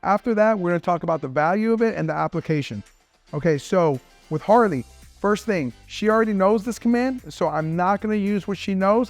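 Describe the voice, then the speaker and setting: A man, a dog trainer, explaining step by step how to teach a dog to bark on command, checking in with viewers as he works with his dog. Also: sits high. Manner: upbeat coaching talk, often checks in with "right?" and "okay?"; praises and commands the dog mid-session. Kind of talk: instructional training video.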